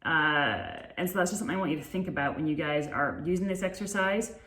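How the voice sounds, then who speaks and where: A woman's voice: low voice, fast talker, fairly bright tone, reverberant. A woman hosting an opera singing lesson, talking casually and stumbling over her words as she explains technique. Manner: chatty, restarts and fillers, demonstrates by singing. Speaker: opera singer and vocal coach host. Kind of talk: casual vocal lesson chat.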